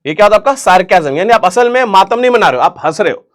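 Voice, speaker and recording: A man's voice: high voice, animated, racing. A man teaching vocabulary for an exam in a chatty, joking way, asking questions and answering them himself, with English words in an Indian accent. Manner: chatty, jokey, asks and answers his own questions. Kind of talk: online exam-prep vocabulary lesson.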